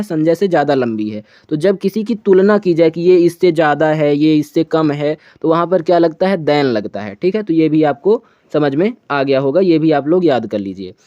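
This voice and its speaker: A man teaching a grammar lesson in a mellow, slightly high voice. He keeps posing questions and answering them himself, and reads each example sentence slowly. The recording is dry and a little dull and lo-fi. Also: expressive, no room sound.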